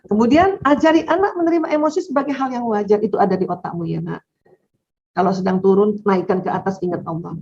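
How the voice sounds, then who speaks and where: Middle-aged woman, husky and animated, for a religious parenting lecture on a dull, lo-fi recording. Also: medium pitch, quick pace. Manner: animated, acts out child and parent voices. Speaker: Islamic parenting speaker.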